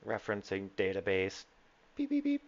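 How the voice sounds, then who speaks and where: A man's voice: sits low, huge pitch swings, normal speed, dull audio, exaggerated voice. A man voicing a malfunctioning spaceship computer, beeping and announcing errors in a glitching robotic voice. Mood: mechanical. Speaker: game master.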